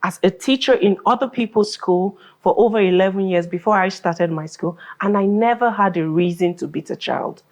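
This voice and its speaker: A Nigerian woman who directs a school, answering interview questions as an animated storyteller who acts out dialogue and laughs often. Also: medium pitch, normal speed, few pauses.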